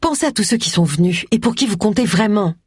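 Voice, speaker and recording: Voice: mid-range voice, expressive, fast talker, husky, dry recording, studio quality, voice pushed up. A reader voicing Tony, a kind young woman who reassures and cheers up her friend. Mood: cheerful. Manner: warm and reassuring.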